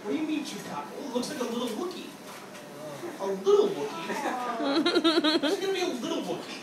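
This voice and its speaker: On a small, dark theater stage, a stand-up comedian from upstate New York works an open-mic set in front of a live audience, handheld mic in hand. His very high-pitched, sing-song voice moves fairly quickly through loose, rambling, crude material full of "like" and "okay?". Crowd laughter rings through the echoey room.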